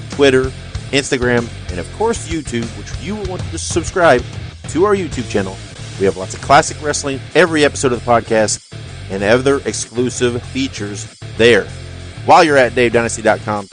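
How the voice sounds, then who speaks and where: A man's voice: mid-range voice, lively intonation, moderate pace, faint music behind. A man hosting a wrestling podcast, reading show announcements and promos in a rambling way that corrects itself as it goes, speaking into a headset. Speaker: podcast host.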